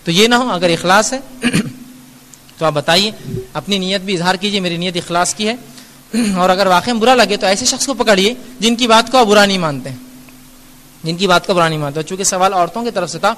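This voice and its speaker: The sound is that of a big room, where an Islamic lecturer answers questions from the audience. His high-pitched, slightly bright voice carries an earnest, admonishing tone, and he explains things with everyday examples.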